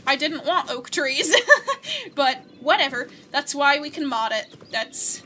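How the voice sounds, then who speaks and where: A young woman with a high, bright voice chats her way through a game, giggling and reading out chat. Her talk is loose and bubbly. Soft game music plays underneath. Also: unhurried. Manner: chatty and giggly, coos at pets. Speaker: gaming streamer.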